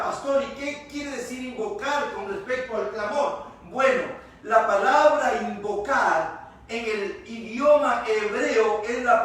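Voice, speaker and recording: A man's voice: extremely high pitch, a bit bright, slight background noise. A male pastor preaching a sermon. He stresses his key words by stretching them out and repeating them. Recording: echoey church hall, voice from far off.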